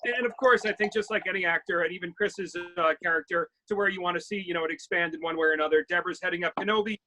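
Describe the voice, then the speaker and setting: Fast, bright high-voiced eager man. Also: slight background noise, low-quality recording. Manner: eager, upbeat. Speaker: actor, interview guest. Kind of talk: casual chat.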